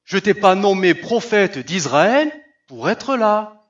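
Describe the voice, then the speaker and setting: A man's voice: high voice, very animated, slow pace, lo-fi sound, heavily acted. A man voicing God as a startled, questioning figure in a sermon retelling, asking incredulous rhetorical questions. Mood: astonished. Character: God, gently questioning, feigning surprise.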